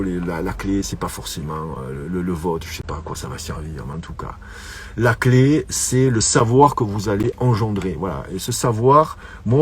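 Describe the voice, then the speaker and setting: A man's voice: on the low side, a little hiss or hum. A middle-aged man hosting his own online show, rambling casually to his viewers, repeating words and stumbling as he goes. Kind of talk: casual solo monologue to viewers.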